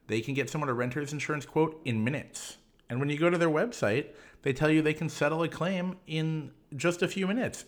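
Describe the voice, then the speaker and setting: A man hosting a solo explanatory podcast, talking in a measured, instructive way. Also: fairly high pitch. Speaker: podcast host.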